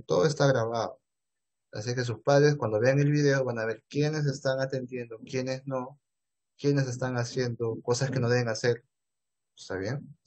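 Over a video call, a math teacher with a Peruvian Spanish accent asks his own questions and supplies the answers during an online class. His mid-range voice comes through with lo-fi sound.

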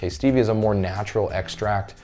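A man in his thirties with a fairly low voice teaches as a fitness coach, standing in a small carpeted room. He talks casually and keeps checking in with "okay?" and "all right?". Soft music sits faintly underneath. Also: fast talker. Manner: conversational, frequent "all right?" check-ins. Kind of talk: casual talking-head lesson. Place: carpeted room with window blinds, indoors.

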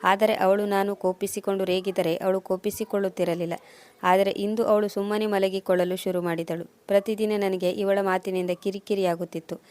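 A woman reading a first-person story as scripted narration, at a steady, even pace. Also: mid-range voice.

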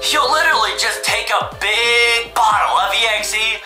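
A woman's voice: on the high side, moderate pace, lightly acted. A woman voicing a male cartoon hedgehog hero, chirpy and playful as he tells stories. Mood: storytelling. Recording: echoey room with faint music.

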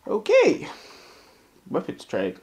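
A man's voice: high-pitched, wildly swooping pitch, slow, darkish tone. A man hosting casual gameplay commentary in a sweary, self-deprecating way. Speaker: gaming host.

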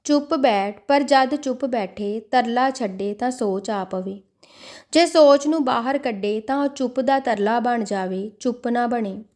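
A woman narrating a devotional audiobook in a measured storytelling manner. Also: fairly high pitch, darkish tone.

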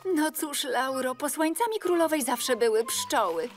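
A woman voicing a prim, polite grown-up female bee in charge, formal and measured, in a children's cartoon. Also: high voice, expressive. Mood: considering. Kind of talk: animated children's cartoon dubbing.

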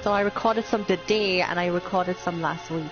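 A woman's voice: on the low side, fairly even intonation, normal speed. Giggly woman chatting over gameplay. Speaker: gamer streamer. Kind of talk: casual chat over gameplay. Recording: dull mic with loud game music.

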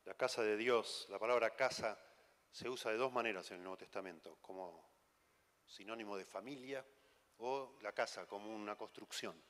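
A man's voice: on the low side, fairly bright tone. A man with an Argentine accent preaching a conference sermon, conversational and teasing, full of rhetorical questions. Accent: Argentine Spanish. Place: conference hall. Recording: long hall reverb.

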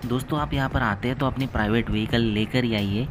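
A man's voice: mid-range voice, fast, noisy background. A young man narrating a travel vlog on roads, waterfalls and a dam, guiding viewers along the way. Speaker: travel vlogger. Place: outdoors on rural roads and by waterfalls.

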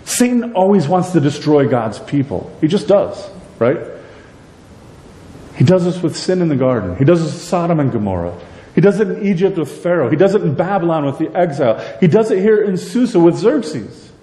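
Middle-aged male pastor, lively conversational preaching, mellow dark tone, slightly raised pitch, reverberant sanctuary. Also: normal speed. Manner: animated, gesturing, conversational with frequent "right?". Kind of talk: sermon. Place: church sanctuary with a pulpit. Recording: echoey church hall, voice a bit distant.

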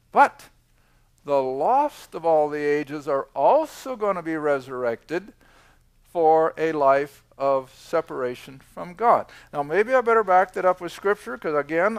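A man hosting an informal Bible study, folksy and conversational, slowing down when reading scripture to a small live audience. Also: on the high side, clear, resonant tone, no room sound. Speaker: Bible teacher and host.

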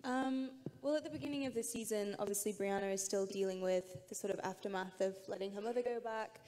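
A woman's voice: medium pitch, a little fast, warm tone, big-room sound, slight background noise. A woman actor on a festival panel, explaining in a chatty way with many "um"s. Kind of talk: panel talk. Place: festival stage.

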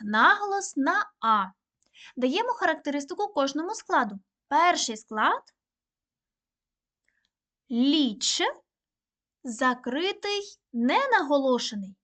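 Slow, lively primary-school teacher woman. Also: high voice. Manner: slow, clear, deliberate dictation. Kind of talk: recorded online lesson.

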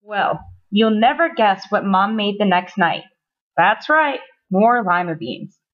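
A woman reading a children's story aloud with expressive, playful storytelling. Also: medium pitch, slow, dull audio. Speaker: storybook reader.

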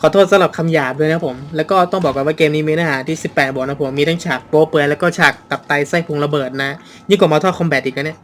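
Jumpy swearing gaming host, man. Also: fairly high pitch. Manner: jumpy, loud startled yelps, swears freely. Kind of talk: horror game let's-play commentary. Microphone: headset.

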